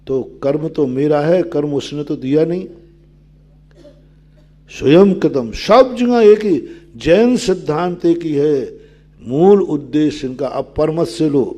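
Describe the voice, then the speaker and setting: Older man, Jain monk, slow sermon, dark mellow tone, asks and answers his own questions. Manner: expounding scripture, chants verses in a low sing-song; asks the listeners questions and answers them himself.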